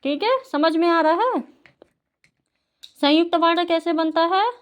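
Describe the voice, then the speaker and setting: A woman's voice: extremely high pitch, a little slow. A woman tutoring a young child at home, patiently asking questions and repeating the answers. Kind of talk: home tutoring, Hindi lesson.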